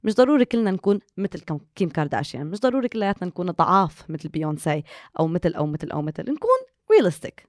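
A woman's voice: lowish voice, very fast, no echo, clean studio sound. A woman with a Levantine Arabic accent, co-hosting a conversational podcast and mixing in English words. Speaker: co-host.

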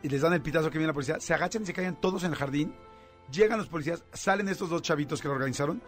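A man with a Mexican accent hosting a radio show, telling a story in a lively way with lots of fillers. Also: a little high, racing, soft background music. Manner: animated storytelling with many fillers. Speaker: radio host. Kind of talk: casual radio chat.

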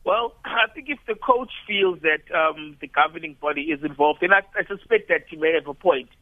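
A man giving measured rugby analysis as a radio guest. He often restarts phrases while he builds an argument. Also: on the high side, dry recording. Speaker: studio guest commentator. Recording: tinny phone line.

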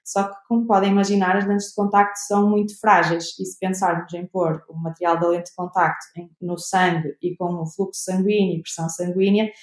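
A woman's voice: on the low side, little pitch movement, brisk, few pauses, roomy sound. Hesitant young Portuguese woman researcher. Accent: European Portuguese. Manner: hesitant, many fillers and restarts. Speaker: researcher guest. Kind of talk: interview answers.

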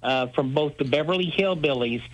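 A man whose voice sits on the high side speaks at normal speed over lo-fi sound. He's a radio host in an interview, telling folksy, emphatic stories and chatting eagerly about old-time radio.

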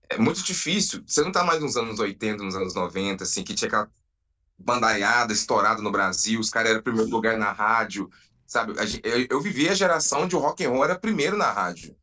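A man in his thirties, a band founder, telling his story in an earnest, drawn-out way with pauses. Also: medium pitch, bright, forceful tone. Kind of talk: reflective storytelling.

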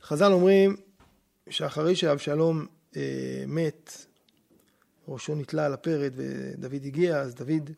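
A man, a rabbi, teaching in conversation and telling stories with lively quoted voices. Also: a little high, creaky. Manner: animated storytelling, acting out quoted voices. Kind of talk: teaching on scripture in a podcast conversation.

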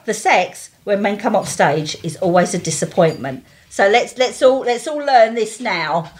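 A woman with an East London accent, reading a story aloud with blunt, chatty asides in an animated way. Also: mid-range voice, a little slow. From East London, England.

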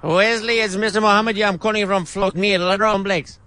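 A man's voice: high-pitched, fairly even intonation, a little fast, bright, forceful tone, no echo. A man putting on a pushy, indignant customer. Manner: pushy, indignant, broken grammar. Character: irate middle-aged man demanding his grass. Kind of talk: prank phone call.

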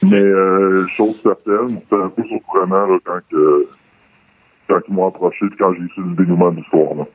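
A man calling in with his voice electronically disguised and lowered, speaking with a Quebec French accent and hesitating often. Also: steady tone, normal speed, husky, no room sound. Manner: hesitant, many fillers. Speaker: caller. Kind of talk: casual phone call to a radio show. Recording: dry tinny phone line.

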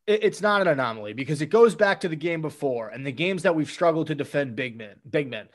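A man co-hosting a casual sports talk show, animated as he rattles off game stats and recaps plays. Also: fairly high pitch, quick pace. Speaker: sports podcast co-host.

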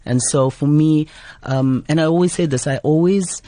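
Man, South African Indian accent, mellow tone, conversational interview answers, earnest and emphatic, dry sound. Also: a little high, normal speed, no echo. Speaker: comedian and actor being interviewed.

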